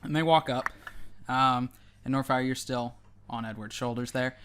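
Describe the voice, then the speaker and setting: A game master narrating a tabletop game in a lively, halting way with many restarts. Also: mid-range voice, very noisy.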